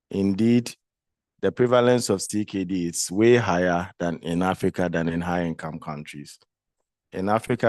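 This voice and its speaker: A Ghanaian man with a groggy voice from the flu, giving a measured, formal medical conference presentation. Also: deep voice, darkish tone, no echo, clean studio sound. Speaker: guest speaker, specialist physician and nephrologist.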